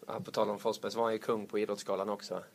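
A man's voice: on the low side, little pitch movement, a little hiss or hum. A man hosting a podcast, telling hockey anecdotes with frequent chuckles. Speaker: podcast host. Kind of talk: casual storytelling.

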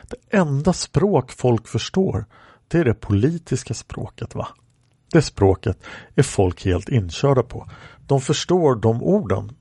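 A man's voice: medium pitch, vocal fry, warm tone, husky, dry recording, clean studio sound, exaggerated voice. A man reading aloud a woman's answers in a police interrogation record, rambling with many fillers. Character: woman questioned by police, plain-spoken.

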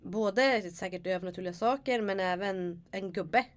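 A young woman in casual chat who listens with short replies, then starts telling her own story. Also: medium pitch.

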